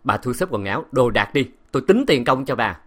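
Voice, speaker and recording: A male reader voices a domineering, jealous husband in a spoken storybook. He barks harsh commands, and his pitch leaps about as he shouts. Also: lively intonation, brisk, natural voice. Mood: commanding.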